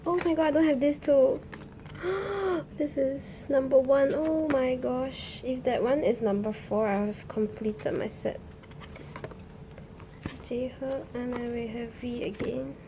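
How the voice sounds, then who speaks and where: A young woman chatting casually through an unboxing, often gushing with fan excitement. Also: a little high, background noise. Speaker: unboxing vlogger.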